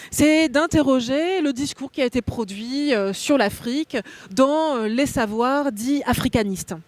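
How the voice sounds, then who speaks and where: On a cultural talk show taped in a hotel meeting room, a woman born in Belgium and raised in France explains concepts at length as a guest philosopher. Her voice is high and a little mellow, with no echo. She comes across as articulate and academic.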